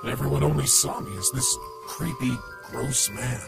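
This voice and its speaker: A man voicing a creepy, self-pitying undead killer in an animatronic suit, with a gravelly voice and halting, wistful delivery. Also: mid-range voice. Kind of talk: dramatic character acting in fan animation. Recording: music under the voice.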